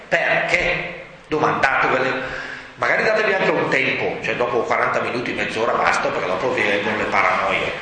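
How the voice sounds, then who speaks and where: A man preaching an animated, rhetorical sermon, often shouting for emphasis. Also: mid-range voice, fast talker, a little hiss or hum. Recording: echoey hall, faint ambience.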